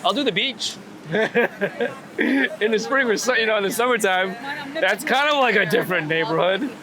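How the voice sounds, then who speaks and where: With a high voice and lively intonation, the man keeps a moderate pace as he chats. It's a casual walk-and-talk interview about his street photography, full of thinking aloud and repeated words, recorded outside amid urban ambience and passing vehicles.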